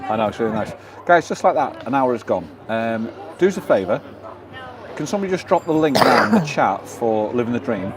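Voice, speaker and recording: A vlogger hosts a casual live stream outdoors in a seaside town and later a lounge bar, chatting freely and reading viewer comments aloud. His mid-range voice swings widely in pitch, he talks briskly, and the background is noisy.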